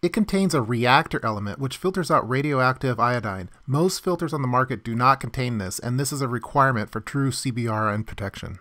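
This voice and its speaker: A man's voice: mid-range voice, animated, fairly quick, few pauses, pushed and bright, no echo, clean studio sound. A man reading scripted product review narration in an explanatory, informal way.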